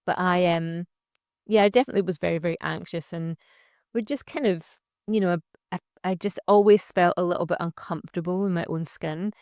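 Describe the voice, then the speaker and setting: A young Scottish woman who founded a social enterprise reflects on her work in a casual interview, her speech full of fillers and restarts. Her voice is fairly low and darkish, and she talks a little fast. The studio-quality recording has no room sound.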